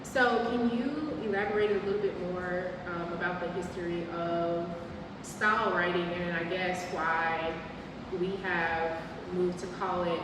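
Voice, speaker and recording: A woman's voice: fairly low pitch, steady tone, a little slow, background noise. A woman hosting an artist talk in a gallery, introducing and interviewing the guest in a friendly, conversational way. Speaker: gallery host. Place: art gallery. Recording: echoey gallery from far off, with music.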